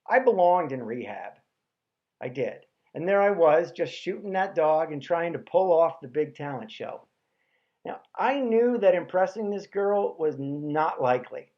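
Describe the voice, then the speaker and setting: A man telling a comic personal story with a wry, deadpan delivery. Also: fairly high pitch, highs cut off.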